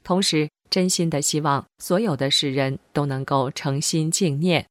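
Woman, low voice, steady scripted reading, dry close sound. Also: normal speed, no echo. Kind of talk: scripted first-person testimony narration.

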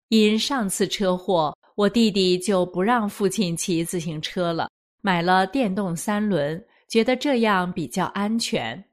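An older woman narrating a family story in a calm, even, scripted reading. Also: medium pitch. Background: faint music.

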